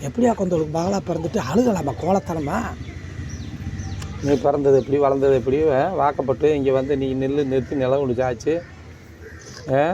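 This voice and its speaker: A man's voice: mid-range voice, mellow, slight background noise. Man coaxing someone to stop crying. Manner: coaxing, rambling, repeats himself. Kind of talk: consoling, street talk.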